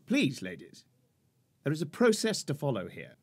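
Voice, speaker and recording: An actor playing a pompous, fussy middle-aged lawyer in a period radio drama, formal and precise about legal procedure. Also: male voice, mid-range voice, huge pitch swings, normal speed, husky. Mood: exasperated. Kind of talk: 1940s-set radio drama acting.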